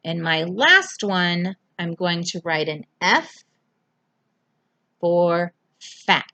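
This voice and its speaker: A woman teaching a phonics lesson to young children, sounding out letters slowly, clearly and patiently in a home video lesson. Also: lowish voice, big pitch swings, bright, forceful tone, dry recording, lo-fi sound.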